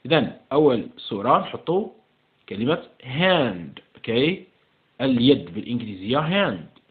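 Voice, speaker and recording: A man teaching English to middle school pupils with an Algerian Arabic accent. He reads each English phrase slowly and then translates it into Arabic. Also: medium pitch. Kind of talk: exam correction lesson for middle school pupils. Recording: tinny phone-like sound.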